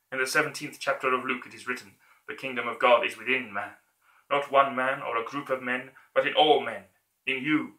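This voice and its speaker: Guy acting a humble but fired-up orator doing a dictator speech, real sharp forceful voice, stagey, roomy echo. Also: medium pitch, close to an everyday voice. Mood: fervent, rousing. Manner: declamatory, emphatic repeated phrases, building to fervent exhortation. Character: earnest humble orator giving a rousing anti-war dictator speech. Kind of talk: theatrical dictator speech monologue, political oratory. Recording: echoey room.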